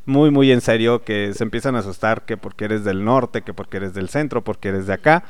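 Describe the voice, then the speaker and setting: A man's voice: on the low side, a little fast. A man from León, Guanajuato, with a Bajío Mexican accent, hosting a casual radio chat, slangy and joking, swearing freely. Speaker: radio host.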